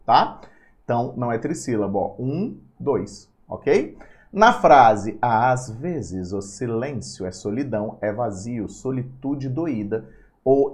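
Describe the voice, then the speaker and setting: A man teaching an exam-prep grammar lesson, playful and chatty, often talking to himself. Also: mid-range voice. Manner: lively, playful, talks to himself.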